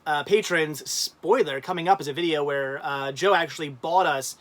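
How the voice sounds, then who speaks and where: A man's voice: fairly high pitch, normal speed, a bit bright. A man in his thirties co-hosting a casual livestream chat, rambling with frequent laughs and restarts. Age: 30s. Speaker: livestream co-host.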